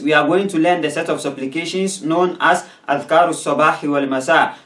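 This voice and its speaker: A man teaching a lesson on supplications, slowly repeating words to model their pronunciation. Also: fairly high pitch. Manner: slow, deliberate repetition of words for pronunciation. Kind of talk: instructional lesson with pronunciation drills. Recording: echoey room.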